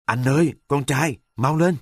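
A man voicing a bossy young wife who snaps out sharp orders at her husband. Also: medium pitch, a little slow, slightly rough, dry recording, clean studio sound, pitched above the performer's own voice. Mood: scolding. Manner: sharp, scolding commands.

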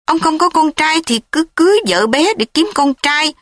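A woman voicing a distraught young wife in a read-aloud story, speaking in a raised, shrill, pleading voice. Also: lively intonation, normal speed, fairly bright tone, dry recording, studio quality. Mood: angry.

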